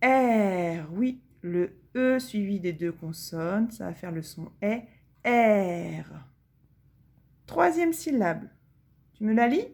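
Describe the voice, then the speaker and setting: A woman teacher with a French accent giving a phonics lesson to young children, drawing out each sound slowly and deliberately. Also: medium pitch, expressive, dark tone, slightly rough. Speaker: primary school teacher.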